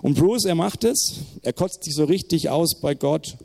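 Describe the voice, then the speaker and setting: Mellow-voiced male preacher giving a lively sermon. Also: a little high, moderate pace, creaky. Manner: lively, emphatic, laughs between points. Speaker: pastor.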